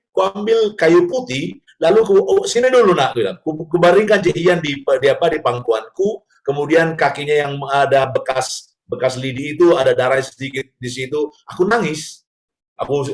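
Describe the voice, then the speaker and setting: A man telling family stories as a guest on a parenting talk show, animated and acting out scenes, with an Indonesian accent. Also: sits high. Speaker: guest speaker, father.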